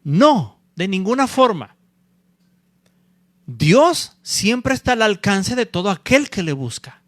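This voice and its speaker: A male pastor preaching a sermon, deliberate and repeating key points, often checking in with a quick "¿sí?". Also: high-pitched, very animated, no room sound, clean studio sound. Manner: deliberate, checks in with the congregation by asking "¿sí?"; repeats key phrases for emphasis.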